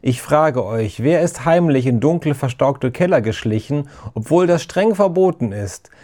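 Ein Mann, der beim Vorlesen einer Geschichte einen theatralischen, donnernden Scheinpriester spricht, pathetisch und anklagend. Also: male voice, a little high, animated, moderate pace, dark tone. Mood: accusing. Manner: thundering, pompous, accusing. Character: theatrical booming mock priest, male carnival official. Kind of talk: storybook reading.

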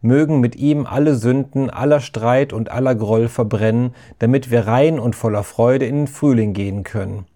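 Ein Mann, der beim Vorlesen einer Geschichte einen theatralischen, donnernden Scheinpriester spricht, pathetisch und anklagend. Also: male voice, mid-range voice, normal speed, hardly any pauses, mellow, lightly acted. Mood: accusing. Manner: thundering, pompous, accusing. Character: theatrical booming mock priest, male carnival official. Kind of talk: storybook reading.

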